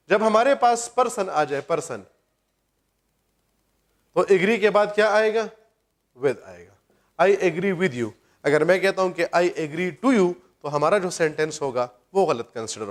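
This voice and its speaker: Male grammar teacher, high-pitched voice, answers his own questions as he explains. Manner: slows down to read example sentences aloud. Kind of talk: grammar lecture.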